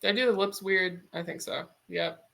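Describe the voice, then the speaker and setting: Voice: medium pitch, fairly even intonation, moderate pace, vocal fry, bright, forceful tone. A streamer in a casual drawing stream, musing aloud and swearing casually.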